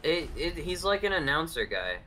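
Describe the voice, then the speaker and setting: A man's voice: fairly high pitch, big pitch swings, normal speed, a crowd in the background. A laid-back young man chatting casually with friends while reacting to a trailer, and he laughs often.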